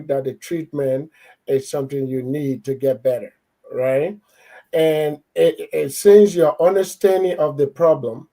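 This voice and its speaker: A man, a doctor on a discussion panel, talks very slowly with a mellow, warm tone. His pitch sits a little high for a man, and he explains patiently, often checking in with tag questions. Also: low-quality recording.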